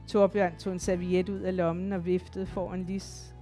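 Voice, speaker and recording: A woman's voice: on the low side, level tone, warm tone, faint music behind. Woman reading a literary audiobook. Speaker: audiobook narrator.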